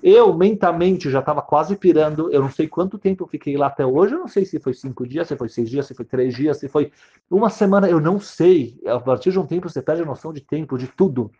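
A man's voice: a little high, animated, fairly quick, warm tone, husky. A man voicing a troubled man who earnestly recounts a prison ordeal. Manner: pleading, earnest, repetitive. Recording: dull lo-fi sound.

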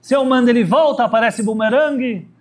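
A man giving a sermon as a rabbi, telling a story dramatically and swinging from high emphatic peaks to low, quiet phrase endings. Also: brisk.

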